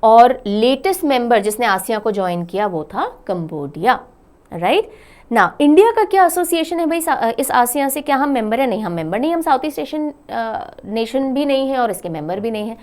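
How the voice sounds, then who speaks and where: Woman, exam-prep current affairs teacher, fairly high voice, asks and answers own questions, Hindi mixed with English. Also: big pitch swings, normal speed, darkish tone. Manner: mixes English phrases into Hindi.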